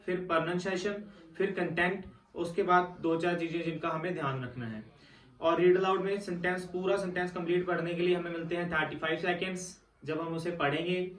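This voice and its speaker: Male tutor, high register, patient step-by-step explainer; roomy, distant mic sound. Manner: explains step by step, repeats "theek hai" to check in. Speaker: test prep teacher. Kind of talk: classroom-style lesson. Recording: echoey room, mic set back.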